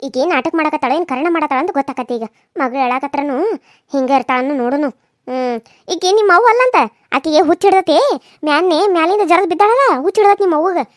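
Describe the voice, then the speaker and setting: Woman doing a sharp-tongued village woman, scolding, North Karnataka accent, high voice, dry. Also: fairly even intonation, fast talker, dry recording, lightly acted. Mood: scornful. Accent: North Karnataka Kannada. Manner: scolding, mocking.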